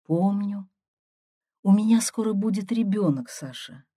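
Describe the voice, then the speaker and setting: A woman doing a shrill, rapid-fire young sister. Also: expressive, dry recording, studio quality. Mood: solemn. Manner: shrill, breathless and fast.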